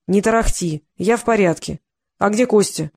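A woman reader doing a tired, wry middle-aged investigator stuck in a hospital bed. He talks dry and gruff, with a bit of a grin in it. The audiobook voice is close to the mic, with a dead, dry sound. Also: sits high, normal speed, no echo.

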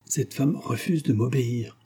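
A man voicing a proud, quick-tempered young society wife in an audiobook, with a sharp, imperious delivery. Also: mid-range voice, husky.

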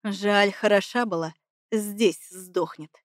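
A woman voicing a smug, cynical young man who talks in a mocking, unhurried drawl, lower than her own voice. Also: dry recording, studio quality, lightly acted.

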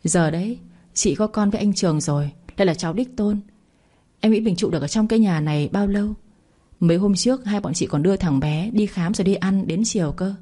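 A woman's voice: mid-range voice, fairly quick, mellow, lightly acted. Woman voicing a sneering young rival woman. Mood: mocking. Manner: sneering, taunting.

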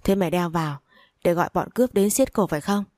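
A woman's voice: on the low side, quick pace, darkish tone, dry recording, clean studio sound, natural voice. A woman reading the lines of a greedy, spiteful older mother-in-law who scolds and curses. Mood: furious. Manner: scolding, cursing, sneering.

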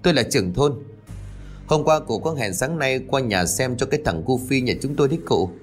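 A man's voice: medium pitch, animated, fairly quick, soft background music, voice pushed up, close to an everyday voice. A man voicing an anxious middle-aged village head who speaks urgently. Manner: urgent, pressing.

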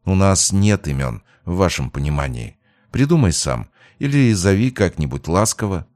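Ghost witch, female, ageless, teasing and condescending, voiced low by a male narrator. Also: very animated, moderate pace, darkish tone, no echo. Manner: mocking, slightly condescending.

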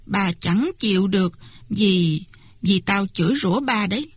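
A woman's voice: medium pitch, unhurried, slightly rough, no echo. A woman voicing a sullen, foul-mouthed young boy in an audiobook, her tone rude and blunt. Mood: defiant.

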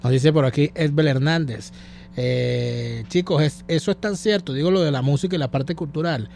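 Sardonic Venezuelan radio host. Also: male voice, on the high side, normal speed, vocal fry, darkish tone, a little hiss or hum. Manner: blunt, sardonic remarks. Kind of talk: casual radio talk, taking calls.

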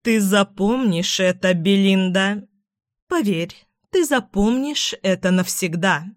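A woman's voice: medium pitch, natural voice. A woman doing an icy, hissing stern mother. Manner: icy, hissing, slow and clipped. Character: stern, cold, menacing mother. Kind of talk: audiobook character voice.

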